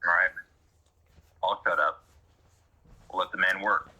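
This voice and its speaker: Brief: talkative guest, husky tone, energetic and repetitive phrasing. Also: male voice, low-pitched, slow pace, poor audio. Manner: rambling, emphatic, many restarts. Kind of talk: casual conversation.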